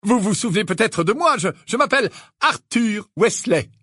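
A man's voice: very high voice, very animated, fairly quick, a bit bright, dry recording, studio quality, voice pushed up, exaggerated voice. A man doing a cheery, eager kindly father. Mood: cheerful.

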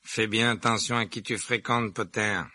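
A man's voice: on the low side, fairly even intonation, normal speed, pushed and bright, dry recording. A man voicing an arrogant, contemptuous rich boy who drawls his insults. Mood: sneering.

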